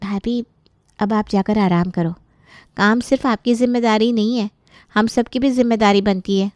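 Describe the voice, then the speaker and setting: A woman's voice: sits high, lively intonation, fairly quick, a bit bright, no echo. A woman voicing a playful, teasing young sister-in-law in a cartoon story. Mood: earnest.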